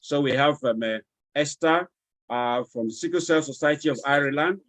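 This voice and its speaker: A courteous Nigerian man calls the roll on an online webinar over a video call. His voice sits a little high, and the sound is dry and close with no room echo. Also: normal speed, fairly bright tone. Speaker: webinar moderator.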